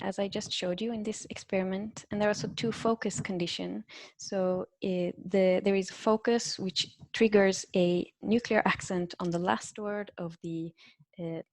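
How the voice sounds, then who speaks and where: A linguistics researcher, a woman with a mid-range voice, gives an academic talk on a dry recording. She explains in a measured way, using frequent "uh" fillers.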